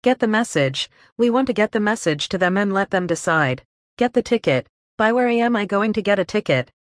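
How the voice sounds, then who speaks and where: A woman slowly reading a list of English phrases, each followed by an example sentence. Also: mid-range voice, expressive, no echo, clean studio sound. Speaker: English teacher.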